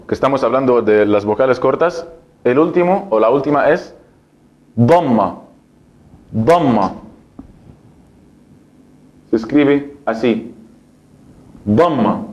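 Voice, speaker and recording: A man's voice: mid-range voice, darkish tone, dull audio. A man teaching Arabic letters in a recorded lesson. He explains step by step, asks and answers his own questions, and says each syllable again and again for the learner to copy.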